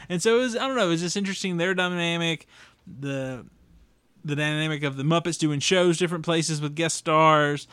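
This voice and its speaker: Rambling podcast host, smooth voice. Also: male voice, on the high side, brisk, a bit bright, no echo. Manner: rambling, with fillers and restarts. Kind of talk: casual solo podcast review.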